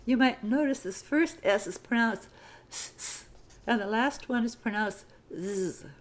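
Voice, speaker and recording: A woman's voice: fairly high pitch, moderate pace. A woman teaching a citizenship writing lesson, patiently dictating sentences and spelling words out letter by letter.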